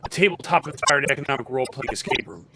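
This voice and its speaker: A man's voice: medium pitch, expressive, crowd noise. A synthetic male voice playing an upbeat AI game master, its audio crackling and breaking up as it plays from a computer speaker. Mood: welcoming. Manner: brisk scripted announcer delivery.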